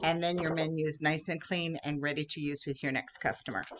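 A woman's voice: deep voice, steady tone, fairly quick, background noise. A woman Girl Scout troop leader giving an upbeat instructional talk for children, sometimes acting out exchanges with customers. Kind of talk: instructional video for kids.

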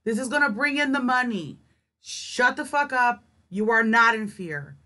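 Woman ranting over clips, bright sharp voice, kinda high, cusses a lot. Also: animated, measured pace. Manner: blunt, scornful, swears a lot. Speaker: reaction commentator. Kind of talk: reaction commentary.

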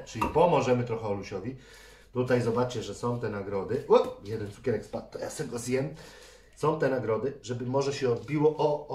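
High-voiced excited dad, heard from across a roomy space. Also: male voice. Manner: energetic, cheering, counting down. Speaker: father and channel host. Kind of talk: excited toy-game commentary for kids. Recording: roomy, distant mic, faint noise.

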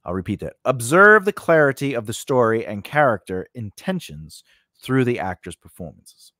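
Speaking close to a studio condenser mic on a stand, this middle-aged host of a screenwriting lesson channel delivers an emphatic, conversational lesson to camera. His mid-range voice swings widely in pitch at a moderate pace with a sharp tone. The small home studio has a cloth backdrop, and the recording is dry.

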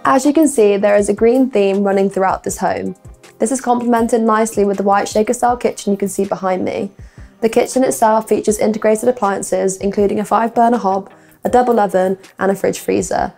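A woman's voice: medium pitch, steady tone, a little fast, vocal fry, warm tone, faint music behind. A young woman presenting a scripted house tour as a property presenter, with upbeat, complimentary sales patter. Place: indoor rooms of a furnished house. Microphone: lapel mic.

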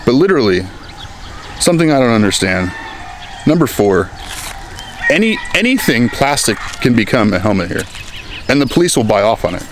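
An American man in his thirties rambles and jokes in a casual vlog, talking to a handheld camera at arm's length in a town plaza with clear street noise around him. His mid-range voice swings widely in pitch, at a moderate pace with long pauses.

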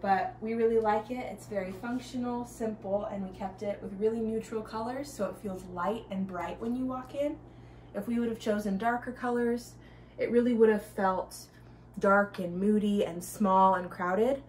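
With a steady, darkish, middle-pitched voice at a moderate pace, a pregnant young stay-at-home mom walks through her small home's kitchen, nursery and bathroom, chatting upbeat during a casual tour. The camera, a few steps away, gives a roomy echo and slightly distant sound, with faint ambience and slight background noise.

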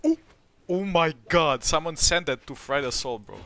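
A man doing casual gameplay commentary in a bright voice with swooping pitch. He is excitable and slangy, often repeating exclamations, over faint background noise. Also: normal speed. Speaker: gamer, video creator.

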